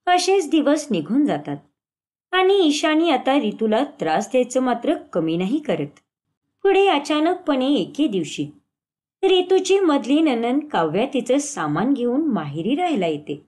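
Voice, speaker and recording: A woman narrates an animated family tale in a scripted storybook style. Her voice sits fairly high and moves lively up and down. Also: unhurried.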